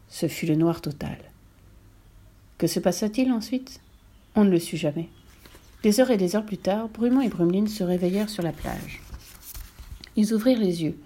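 Mellow woman reading a storybook. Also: mid-range voice. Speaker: narrator.

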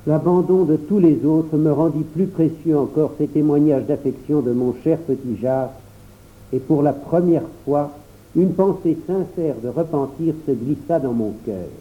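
Brief: male audiobook narrator, expressive storybook telling, higher voice, phone-quality sound. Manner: expressive first-person telling, voicing every character. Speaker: audiobook reader. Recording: tinny phone-like recording.

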